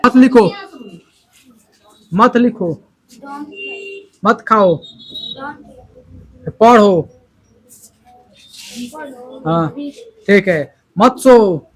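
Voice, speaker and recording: Teaching English to a class, this man leads loud drills over and over and keeps checking for understanding. He speaks in a high voice, very slowly, leaving long pauses.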